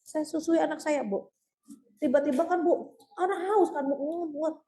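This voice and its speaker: A woman's voice: sits high, moderate pace, mellow. A woman religious teacher giving a heartfelt talk to an audience of women, telling personal stories and often addressing her listeners directly. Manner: storytelling, keeps addressing listeners as "Bu"; earnest, heartfelt. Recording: echoey hall.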